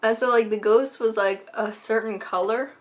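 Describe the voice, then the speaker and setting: A woman co-hosting a casual chat, telling a long story with many "like"s and deadpan asides. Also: fairly high pitch, moderate pace. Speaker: co-host.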